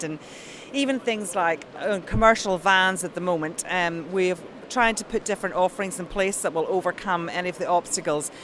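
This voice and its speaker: A woman's voice: fairly low pitch, a bit bright, a little hiss or hum. A woman with a Belfast accent, an account manager being interviewed at a trade show, speaking in an upbeat, polished manner. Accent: Northern Irish, Belfast. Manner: upbeat, enthusiastic, polished phone-style voice.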